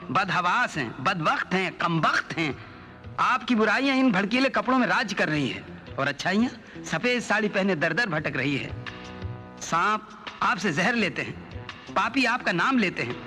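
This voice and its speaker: Brief: naive man from another planet, sing-song and blunt, high voice, 1990s film. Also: pushed and bright, full character voice. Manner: sing-song chanting, blunt mocking insults. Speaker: alien visitor held prisoner. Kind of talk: 1990s Hindi film dialogue.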